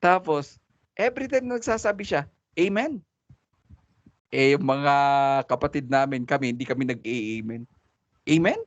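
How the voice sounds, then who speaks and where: A man's voice: medium pitch, moderate pace, dry recording. A man teaching a preaching class in a casual, chatty way, mixing Tagalog and English and laughing often. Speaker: homiletics teacher. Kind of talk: casual Taglish lecture on preaching. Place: church classroom. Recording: dry, dull lo-fi recording.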